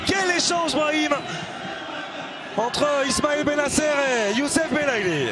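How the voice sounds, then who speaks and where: Excited high-voiced man calling football, shouting. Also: slow. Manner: raised, shouting delivery. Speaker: football play-by-play commentator. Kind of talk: excited live match commentary. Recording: very noisy stadium, roaring crowd. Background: loud stadium crowd.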